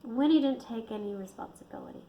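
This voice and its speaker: A woman reading her own book aloud in a steady storytelling manner. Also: a little high, fast, highs cut off, slight background noise. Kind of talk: audiobook narration.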